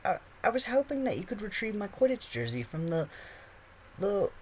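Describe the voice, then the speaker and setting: A man's voice: sits high, sing-song, moderate pace, slight background noise, voice pushed up. A man playing a nervous teenage wizard boy in a fan story reading. He hesitates and stammers, his voice lifted a little above a man's usual talk. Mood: flustered.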